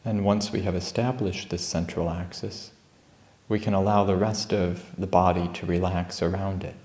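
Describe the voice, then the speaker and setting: In an indoor room at a Buddhist monastery, a male meditation teacher leads an unscripted guided meditation. His low-pitched voice is calm and gentle, giving unhurried instructions with long pauses between phrases, and the sound is reverberant.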